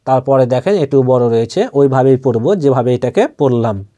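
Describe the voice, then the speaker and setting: A man with a Bangladeshi accent teaching Quran reading, spelling out Arabic letters and reciting them in a drawn-out chant, with quick explanations in between. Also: medium pitch, animated, mellow.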